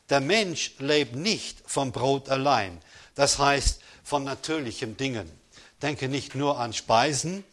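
A male preacher delivers a sermon. He speaks in a mid-range voice, draws words out for emphasis, and keeps checking in with his listeners. The pitch and volume rise and fall often as he presses each point. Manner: preaching with call-and-response, slows for emphasis.

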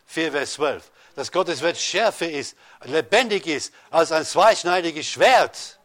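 A man preaching a sermon, addressing listeners directly with rhetorical questions and swinging between loud rises and soft drops. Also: a little high, lively intonation, slow pace. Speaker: pastor.

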